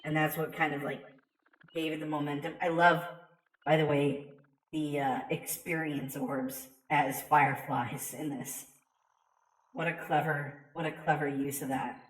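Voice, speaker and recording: Low-voiced woman chatting, roomy sound. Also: steady tone, unhurried. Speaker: video game streamer. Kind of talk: casual chatty commentary. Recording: roomy echo, distant from mic.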